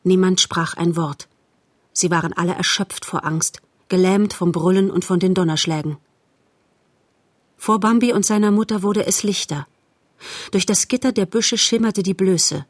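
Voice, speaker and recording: A woman narrating a storybook in a measured, calm way. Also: lowish voice, no room sound. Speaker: audiobook narrator.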